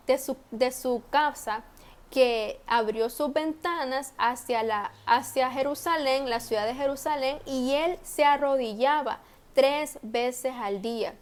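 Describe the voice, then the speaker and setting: Lady sunday school teacher, high voice, slow simple storytelling for kids. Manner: slow, simple storytelling for children, with self-corrections. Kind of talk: children's Bible story lesson.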